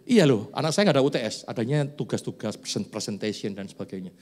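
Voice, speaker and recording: A man's voice: medium pitch, animated, fast talker, a little mellow. A man in his forties preaching as a pastor in a church, chatty and joking between pointed, rising questions to the congregation. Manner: conversational, joking asides, rising emphatic questions. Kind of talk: sermon. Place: church sanctuary.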